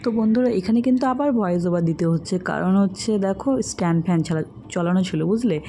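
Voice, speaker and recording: A woman from India, giving a casual vlog voice-over and often checking in with her viewers. Her throat sounds slightly hoarse. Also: on the low side, very fast, warm tone, faint music behind. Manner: chatty, keeps checking in with viewers. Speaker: family vlogger.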